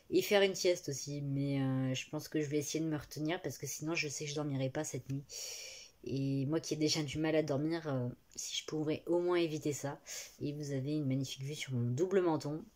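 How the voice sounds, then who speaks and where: A woman's voice: sits low, fairly even intonation, brisk, darkish tone. A young woman chatting casually about a book series she is reading, with lots of fillers and restarts. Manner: rambling, many fillers and restarts, laughs often. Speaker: booktuber. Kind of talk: casual reading vlog chat.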